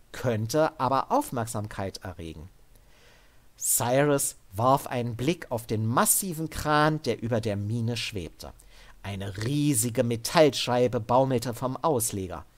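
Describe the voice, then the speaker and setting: A man's voice: medium pitch, animated, takes it slowly. A man narrating a translated adventure story, stopping now and then to add loose comments of his own. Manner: breaks off to add casual comments. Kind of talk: reading a translated story aloud.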